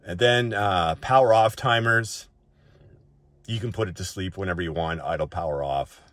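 In this dry recording, a tech reviewer speaks at normal speed in a low, somewhat bright voice. He talks informally through a settings walk-through without a script, often checking in with his listener and closing points with a questioning "right?"

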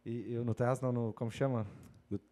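A man's voice: medium pitch, steady tone, fast, warm tone. A man, a singer, chatting casually as a guest and telling anecdotes. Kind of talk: casual chat.

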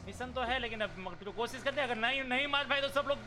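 A man streaming a mobile shooter game, playful and shouty, thanking viewers and directing teammates. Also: extremely high pitch, very fast, crowd noise. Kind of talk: casual gaming chat. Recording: gunfire and game noise behind.

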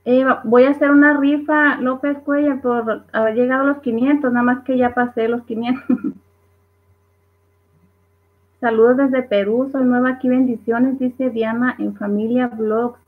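A woman's voice: a little high, steady tone, measured pace. A woman hosting a casual livestream, reading viewers' comments aloud and laughing along. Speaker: livestream host. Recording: tinny phone-like livestream audio.

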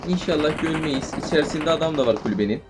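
A young man commentating his own mobile shooter game, shouting and swearing in fights, then calming himself down. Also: fairly high pitch, very fast. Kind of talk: live gameplay commentary. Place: indoors at home playing on a tablet. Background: game gunfire and music.

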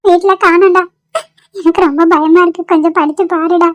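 A woman's voice: fairly even intonation, brisk, dry recording. A woman voicing a fretful, weepy but kindly elderly grandmother in an amateur cartoon, wailing and pleading. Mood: tearful. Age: older. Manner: wailing, pleading, high-pitched.

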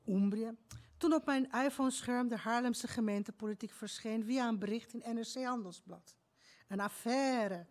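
A woman in her fifties from Romania, giving a prepared speech from a stage with measured, literary storytelling. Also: on the high side. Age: 50s. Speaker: speaker at a book event. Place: stage in an event hall.

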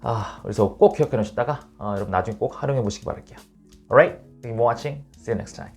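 A man teaching an online English lesson. He explains patiently and reads the English examples slowly and clearly. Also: medium pitch, faint music behind.

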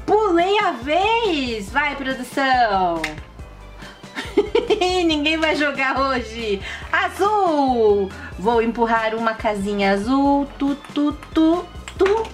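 A woman hosting a children's game channel with bright, sing-song, exclamatory delivery and playful commentary. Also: high-pitched, big pitch swings, slow pace. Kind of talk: playful commentary for children while playing board games. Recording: music playing behind the voice. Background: music.

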